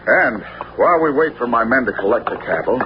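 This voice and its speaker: An actor playing a bold, cunning outlaw in a radio adventure, with a teasing, mock-courteous manner. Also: male voice, mid-range voice, animated, brisk, close to an everyday voice. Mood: sly, ingratiating. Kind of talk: theatrical radio adventure acting. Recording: dull, lo-fi radio recording with faint noise.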